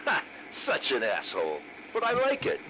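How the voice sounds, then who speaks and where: An actor playing an easygoing, good-humoured jailed comrade over the radio in a video game. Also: male voice, medium pitch, huge pitch swings, normal speed. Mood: jovial. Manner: jovial, easygoing. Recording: noisy radio line.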